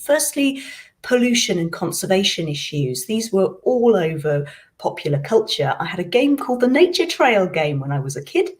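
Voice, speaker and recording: A woman's voice: fairly low pitch, darkish tone. A woman from Britain, a poet and scholar, telling her story fluently and reflectively on a video call panel.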